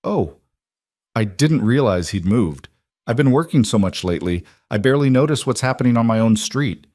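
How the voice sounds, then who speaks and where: A man's voice: medium pitch, lively intonation, moderate pace, a little mellow, no echo, natural voice. A man voicing a tired woman doctor with a slight Southern accent, polite and apologetic. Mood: weary, apologetic.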